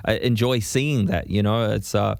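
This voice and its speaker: A man's voice: fairly low pitch, moderate pace, creaky, no room sound, studio quality. A man co-hosting a podcast, chatting casually and animatedly, swearing freely. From New Zealand. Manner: animated, swearing, frequent "you know what I mean". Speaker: podcast co-host. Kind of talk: casual chat.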